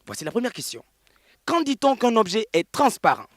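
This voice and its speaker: A man's voice: high-pitched, wildly swooping pitch, brisk, very noisy. An actor playing a male village radio quiz host who announces questions and keeps bursting into laughter, with a Burkinabè French accent. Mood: announcing.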